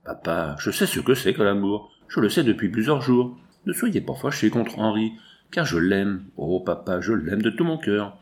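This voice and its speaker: A man's voice: on the low side, sing-song, normal speed. A man reading as a pleading young girl in love. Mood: earnest. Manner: pleading, emotional.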